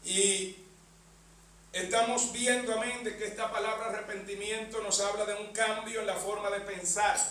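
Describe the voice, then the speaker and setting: A man's voice: sits high, little pitch movement, moderate pace, a bit bright, a little hiss or hum. A man preaching a sermon in a church, peppering his phrases with amen and praises to the Lord. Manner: punctuates phrases with amen and bendito sea el Señor. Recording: echoey church hall, mic far off.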